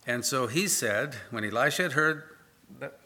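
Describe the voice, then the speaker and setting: A man's voice: medium pitch, moderate pace, pushed and bright. A male pastor giving an informal sermon, talking plainly and often stopping to correct himself. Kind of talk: conversational sermon.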